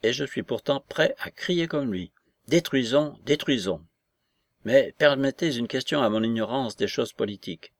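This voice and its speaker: A man doing a guarded, deliberate young man. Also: medium pitch, expressive, no echo, clean studio sound, close to an everyday voice. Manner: measured and deliberate.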